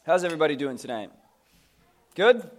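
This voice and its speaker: An American man preaches with a hoarse, strained voice that sounds worn from shouting. His sermon is conversational and informal, full of joking, self-deprecating asides. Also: on the high side, sing-song, brisk. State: hoarse from screaming the night before.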